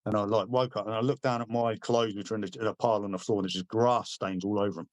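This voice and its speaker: A podcast guest who served in the army, this middle-aged British man has a lowish voice, fairly even intonation and a quick pace. His laddish tales come out casually, full of swearing and acted-out quotes, on a dry recording.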